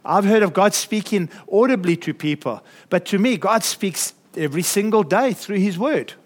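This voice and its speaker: A man delivers a sermon in a high voice. He preaches earnestly and turns to his congregation with chuckling asides. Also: expressive, normal speed. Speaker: pastor.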